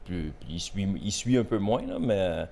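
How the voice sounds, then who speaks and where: A man in his forties with a Québécois accent, a podcast guest speaking in a hesitant, halting way with many fillers. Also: low-pitched, sing-song, vocal fry, mellow. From Quebec. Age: 40s. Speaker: podcast guest, host's father. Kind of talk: casual interview.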